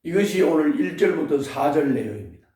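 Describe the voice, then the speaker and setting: High-voiced pastor in an echoey room. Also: male voice, lively intonation, fairly quick, mellow. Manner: earnest, repeats searching questions to listeners. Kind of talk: Bible meditation sermon. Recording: echoey room, distant mic.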